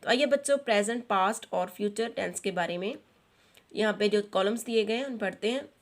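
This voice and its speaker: A woman teacher with a Pakistani accent, explaining a children's English textbook lesson and translating each English line into Urdu. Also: medium pitch. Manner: reads English lines slowly, then translates each into Urdu.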